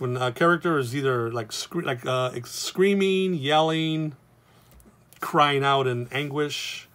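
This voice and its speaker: A man's voice: medium pitch, fairly bright tone. A middle-aged man, teaching how to draw comics in a loose, rambling, casual way. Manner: rambling, loose and chatty, with many fillers. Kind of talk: casual drawing tutorial.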